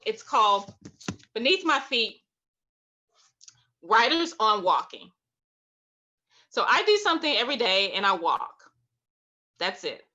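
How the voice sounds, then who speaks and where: Teaching a guided online writing workshop over a video call, a Southern woman from Alabama is encouraging, laughs a lot, and repeats phrases. She has a fairly high, bright, forceful voice, though the audio sounds dull.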